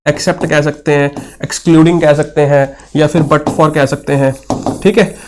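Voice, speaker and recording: A young man with a fairly high pitch and steady tone teaches English for an exam against a noisy background. He solves questions aloud, patiently explaining answers and asking and answering his own questions. He reads the questions slowly and mixes Hindi with English terms.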